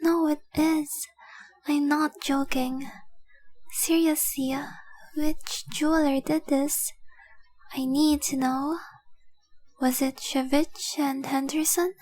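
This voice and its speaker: A woman voices a young dragon-blooded fiancée, devoted and remorseful, in an intimate romantic audio drama. Her high, breathy voice often nears a whisper and stays steady as she confesses slowly, earnestly and tenderly within a narrow, gentle melody. She sounds adoring and moved.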